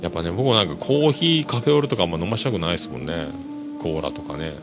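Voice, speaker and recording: A man chats through a relaxed solo podcast, his deep voice gravelly and his pitch bouncing around a lot. He laughs easily and pads his talk with fillers. The recording is dull and lo-fi, with music playing beneath him. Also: very fast. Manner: easygoing, chuckling, full of fillers. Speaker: podcast host. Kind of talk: casual solo podcast chat. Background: music playing underneath.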